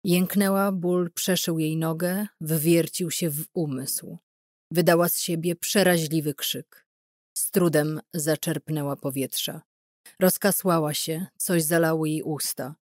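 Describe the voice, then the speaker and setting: A woman narrating an audiobook in a calm, measured and dramatic manner. Her voice sits fairly low, and the studio sound is completely dry. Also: no room sound.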